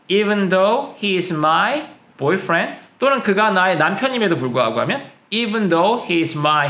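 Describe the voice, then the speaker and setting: A male English teacher with a bright, higher-pitched voice that rises and falls a lot. He explains patiently and drags each example sentence out slowly. The room he is recording in has a noticeable echo. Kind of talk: classroom-style lesson.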